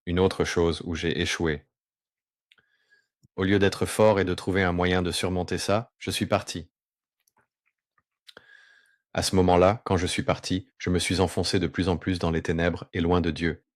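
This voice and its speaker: A man tells his own story in a remorseful, earnest confession, his voice shifted down to an unnaturally deep register to keep him anonymous. The sound is dry and close, with no room around it. He slows down at key moments. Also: flat delivery, dry recording. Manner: earnest, remorseful, with pauses and slow stretches. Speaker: person giving a personal testimony. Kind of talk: confessional first-person testimony.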